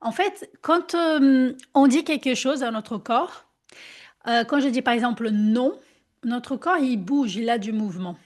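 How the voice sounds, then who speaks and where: Slow, hesitant woman leading a workshop. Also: on the high side. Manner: hesitant, many fillers and restarts; gently instructive. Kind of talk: guided workshop on a video call. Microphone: external microphone on a video call.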